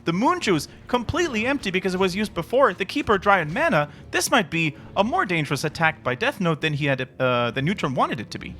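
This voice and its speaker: A man with a Dutch accent giving lively live play-by-play commentary on a strategy game. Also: a little fast, hardly any pauses, slight background noise. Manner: excited play-by-play, rising pitch at big moments. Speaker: esports caster.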